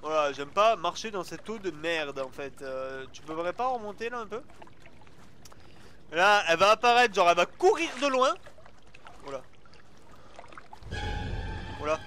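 A man commentating his gameplay with jokes and sudden excited outbursts. His voice sits high and sounds bright and forceful. The pitch swings widely. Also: measured pace, pauses often, slight background noise. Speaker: gamer. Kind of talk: let's play commentary.

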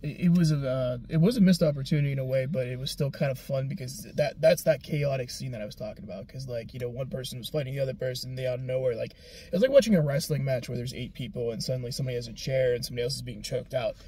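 A man's voice: mid-range voice, fast talker, mellow. A man co-hosting a casual movie review, wry and dryly sarcastic, with faint ambient noise behind him. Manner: wry, dry sarcasm, brief interjections. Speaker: co-host. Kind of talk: casual conversational film review.

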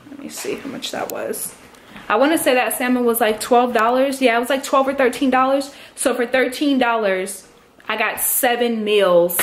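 A young woman in her twenties chatting through a cooking vlog in her home kitchen, explaining each step to a handheld camera. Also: a little high. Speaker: vlogger. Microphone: handheld camera close up.

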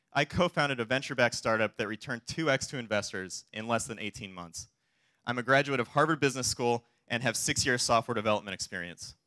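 A man in his thirties delivering a confident, polished, rehearsed startup pitch to investors as a chief executive. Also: sharp tone, dry recording. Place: theater stage, indoors.

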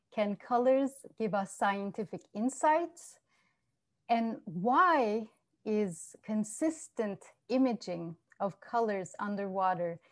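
A woman, a research scientist giving a prepared lecture over a video call, speaking clearly with measured, lively emphasis. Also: a little high. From Turkey. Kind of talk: prepared presentation over shared slides. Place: home, virtual beach background.

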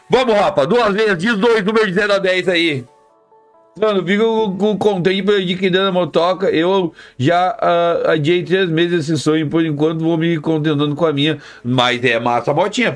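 A man's voice: high voice, normal speed, soft background music. A man live streaming, chatting casually and repetitively with his viewers in slang. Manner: slangy, repetitive, talks straight to chat.

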